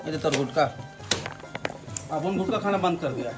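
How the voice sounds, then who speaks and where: An actor in a village comedy skit playing an exasperated man who bickers with a muddled shopkeeper, laughing often, with loud music behind. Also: fairly high pitch, animated, normal speed, close to an everyday voice. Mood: bickering. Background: loud background music.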